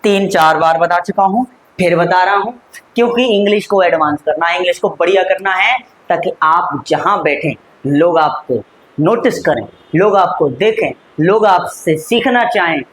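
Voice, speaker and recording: A man with an Indian accent teaching English, repeating phrases slowly and coaxing his students. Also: high-pitched, a bit bright, slight background noise, poor audio. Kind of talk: classroom-style lesson, drilling phrases.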